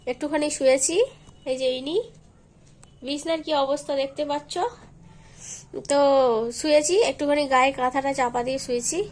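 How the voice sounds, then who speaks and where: Young mom vlogging at home sick with fever, sweet coaxing baby talk then chatty, kinda high voice. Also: female voice, fairly even intonation, normal speed, long pauses. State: unwell with fever. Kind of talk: casual home vlog. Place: home, bedroom and kitchen.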